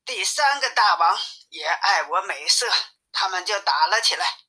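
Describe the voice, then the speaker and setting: A woman reading aloud voices a female demon posing as a pitiful captive woman, pleading in a high, plaintive tone. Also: lively intonation, normal speed, bright, forceful tone, breathy edge. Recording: tinny phone-like sound.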